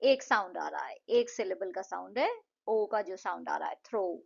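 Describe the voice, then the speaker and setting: A woman explaining an English lesson to children, patiently repeating words slowly to show their syllables. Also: mid-range voice, animated, vocal fry, husky, muffled recording. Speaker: English tutor.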